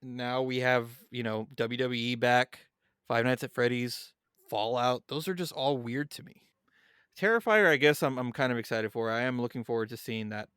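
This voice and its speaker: A man's voice: medium pitch, moderate pace, a bit bright, smooth, no echo, clean studio sound. A man co-hosting a podcast in a casual chat, reading background notes aloud and then chatting loosely. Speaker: podcast co-host.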